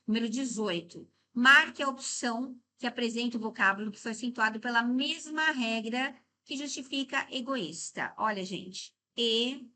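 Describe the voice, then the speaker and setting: A middle-aged Brazilian woman teaching a Portuguese grammar lesson for exam prep. She explains step by step, often checks in with the class, and slows down to stress words syllable by syllable. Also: a little high, sharp tone.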